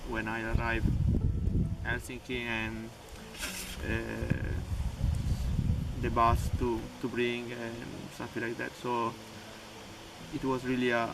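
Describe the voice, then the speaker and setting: Flat-voiced hesitant young man. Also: medium pitch, slow pace, vocal fry, background noise. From Peru. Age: young adult. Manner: hesitant, broken phrasing. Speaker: volunteer. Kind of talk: interview answers. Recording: distant mic with loud music.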